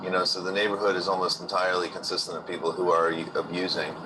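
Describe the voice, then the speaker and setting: Deep-voiced man, casual, with background noise. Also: level tone, fast talker. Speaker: local guide. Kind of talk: casual documentary interview. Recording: noticeable street or vehicle noise.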